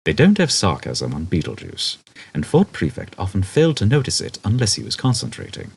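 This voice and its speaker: A man narrates a comic novel as a scripted audiobook, telling the story at a brisk clip. His low, rough-edged voice swoops wildly in pitch, with widely swinging intonation.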